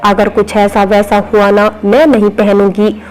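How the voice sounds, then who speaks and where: A bashful, loving young wife from a romance story, as a woman narrator reads her. Her lines come out level and steady, with little rise and fall. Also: mid-range voice, measured pace, natural voice, rough recording. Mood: pouting.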